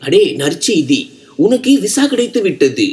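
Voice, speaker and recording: A cheerful cousin delivers his lines in an upbeat, laughing way, as a male narrator voices him. The pitch moves widely, as in a storybook reading. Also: sing-song, a little slow, a little mellow.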